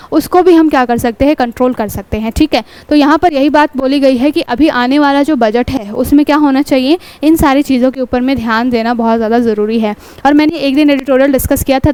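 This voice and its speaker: A woman's voice: high-pitched, darkish tone, clear, resonant tone, no echo. A woman teaching an exam-prep class, explaining a newspaper editorial step by step, asking rhetorical questions and mixing in English terms. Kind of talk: newspaper analysis lecture.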